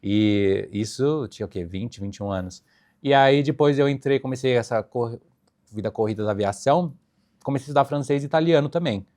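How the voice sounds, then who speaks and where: Brief: young Brazilian man, flight attendant guest, chatty and animated, mid-pitched voice. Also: brisk. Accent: Brazilian Portuguese. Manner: animated storyteller, laughs often. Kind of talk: casual interview chat.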